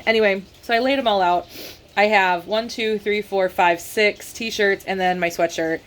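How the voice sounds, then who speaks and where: A woman's voice: medium pitch, steady tone, normal speed. A congested woman talking casually to her vlog camera, rambling with dry sarcastic asides. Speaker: vlogger.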